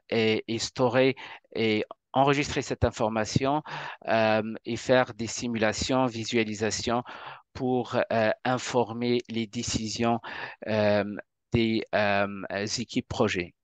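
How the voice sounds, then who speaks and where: A professor giving a conference presentation, speaking hesitantly with many fillers and restarts. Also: male voice, mid-range voice, clear, resonant tone, no room sound. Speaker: professor presenting a research platform.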